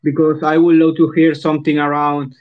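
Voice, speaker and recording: A man's voice: on the high side, monotone, a little hiss or hum. Eager male host on a lo-fi call. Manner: eager, repeats phrases, slightly halting. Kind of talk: hosting an online audio talk. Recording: lo-fi online call audio.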